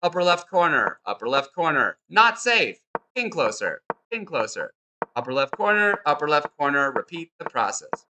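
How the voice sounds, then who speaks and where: A man's voice: fairly high pitch, big pitch swings, moderate pace, pushed and bright. A man teaching a chess lesson, upbeat and encouraging, repeating short cues as he demonstrates moves on the board.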